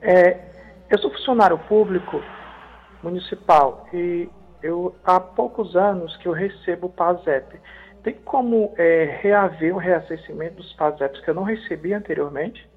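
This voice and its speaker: A high-voiced man, heard over a tinny phone line as he calls in to a radio show. He speaks in a hesitant, halting way, stopping and restarting as he puts his question. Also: slightly rough. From Ceará, Brazil. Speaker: radio call-in listener.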